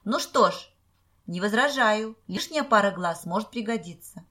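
A woman's voice: mid-range voice, expressive, moderate pace, fairly bright tone. A woman reading the part of a genial middle-aged man, jovial and teasing, in a storybook.

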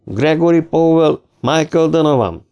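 A man's voice: a little high, expressive, warm tone, clear, resonant tone, voice pushed up. A man voicing a spaceship's relentless mechanical announcement voice, repeating its orders insistently. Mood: commanding.

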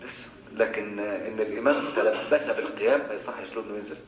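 A man's voice: fairly low pitch, fairly even intonation, quick pace, echoey room, lo-fi sound. A man with an Egyptian Arabic accent, a sheikh answering worshippers' questions in a colloquial lecture, putting rhetorical questions to his listeners. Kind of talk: religious Q&A lecture. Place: mosque.

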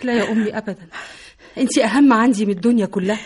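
A young Egyptian woman in a radio drama, a devoted daughter who is earnest and reassuring. She talks quickly in a slightly high, breathy voice. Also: a little mellow. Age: young adult.

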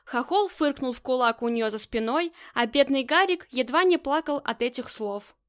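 A woman narrating a crime novel as an audiobook reader, in an even storytelling manner. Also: sits high, normal speed. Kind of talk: novel reading.

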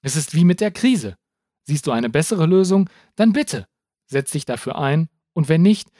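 A man voicing a tough, sharp-tongued woman politician who speaks curtly and bluntly. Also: fairly high pitch, big pitch swings, moderate pace, no room sound, clean studio sound, voice pushed up. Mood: commanding. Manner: curt, blunt and exasperated.

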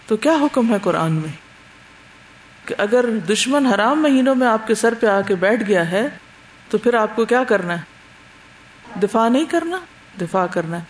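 High-voiced man teaching history. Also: low-quality recording. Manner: asks rhetorical questions and explains as he reads. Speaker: religious teacher. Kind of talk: lecture on early Islamic history.

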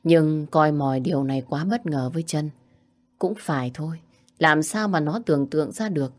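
Brief: female audiobook narrator, deep-toned, steady measured read. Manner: even, measured storytelling. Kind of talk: scripted story narration.

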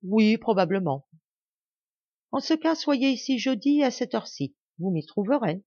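A woman's voice: fairly high pitch, big pitch swings, normal speed, warm tone, dry recording, voice pushed up. A woman reading the lines of a cold, scheming young noblewoman who gives firm orders, in a slightly dull, dry recording. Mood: commanding.

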